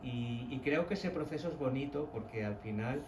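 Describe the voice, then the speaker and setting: A man's voice: mid-range voice, moderate pace, roomy sound, distant mic, background noise. A man from Spain with a slight La Mancha accent, the author, speaking thoughtfully at a book presentation. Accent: Castilian, from La Mancha. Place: event venue.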